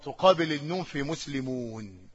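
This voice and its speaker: A man's voice: medium pitch, expressive, breathy edge, muffled recording. Egyptian man teaching grammar, quizzing students. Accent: Egyptian Arabic. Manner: quizzing, slow emphatic stretching of key words. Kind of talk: classroom lesson with questions to students.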